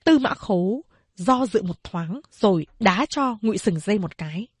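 A woman reading a novel aloud as audiobook narrator, slow and deliberate. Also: medium pitch, animated, slightly rough, no echo.

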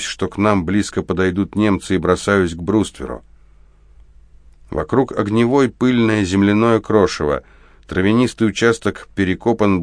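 Man with a really low voice reading a war story, steady and grim, dry close sound. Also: no echo. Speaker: audiobook narrator. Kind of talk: first-person audiobook narration of war prose.

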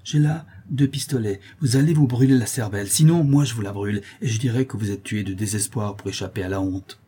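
A man's voice: lowish voice, fairly quick, mellow, slightly rough. A man reading an audiobook voices a stern aristocratic father who speaks in a cold, accusing, commanding way.

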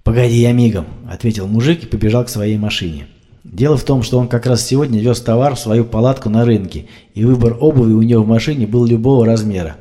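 A man reading an audiobook aloud, acting out shouted rescue dialogue as he narrates. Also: medium pitch, fast talker. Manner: acts out shouted rescue dialogue, rising and loud for cries.

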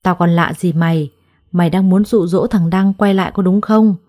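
A woman's voice: on the low side, fairly even intonation, normal speed, warm tone, no room sound, clean studio sound, lightly acted. A woman voicing a harsh, spiteful older adoptive mother who scolds with scorn in a storybook reading. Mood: scornful.

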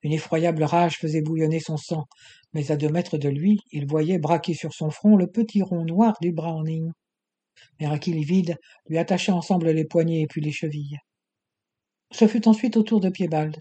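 Husky, dark-toned male audiobook narrator. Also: fairly high pitch. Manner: steady, measured reading.

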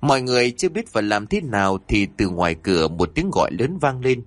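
A man's voice: very animated, fast talker, no echo. A man narrating a horror story in a scripted storytelling style, switching voices for the characters. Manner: voices characters with shifts in pitch.

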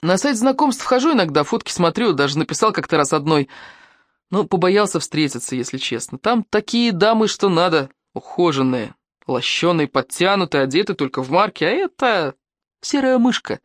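A woman's voice: on the low side, big pitch swings, normal speed, dry recording, clean studio sound. A woman voicing a shy young man in an audiobook who speaks hesitantly and sheepishly.

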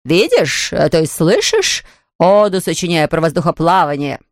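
A narrator voicing a grumpy, self-important poet in a storybook reading, irritated and drawn-out. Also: mid-range voice, wildly swooping pitch, no echo, clean studio sound.

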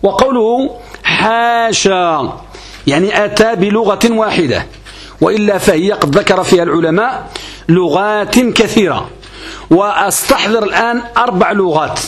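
A man's voice: high-pitched, normal speed, a little hiss or hum. A man teaching a grammar lesson on a classical text. He works through it step by step, asking questions and answering them himself. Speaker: religious teacher.

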